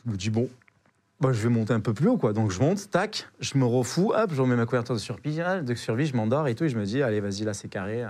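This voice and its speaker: A man's voice: mid-range voice, lively intonation, fast, a little mellow. A young man, a podcast guest, telling an adventure story in a casual, slangy way, with lots of hesitations and repeated words.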